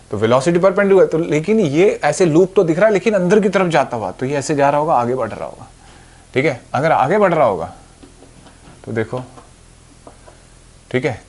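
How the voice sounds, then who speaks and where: A man's voice: fairly high pitch, darkish tone. Man teaching a physics lesson. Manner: explains step by step, often checks if students follow.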